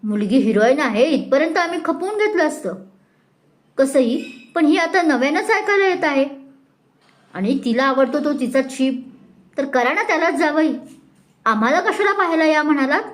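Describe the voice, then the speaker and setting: Brief: woman as an indignant rich matron, sharp, scolding, pitched high. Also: slow pace, long pauses. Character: angry proud middle-aged woman, prospective mother-in-law.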